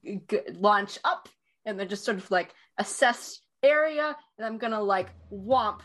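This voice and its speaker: A woman's voice: medium pitch, animated, unhurried, fairly bright tone. A woman chatting casually as a player in a tabletop roleplaying game.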